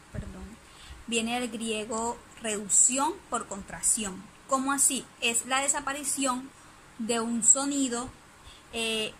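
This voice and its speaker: A woman's voice: fairly high pitch, pushed and bright, a little hiss or hum, rough recording. A woman giving a spoken lesson presentation, hesitant, with many fillers and restarts.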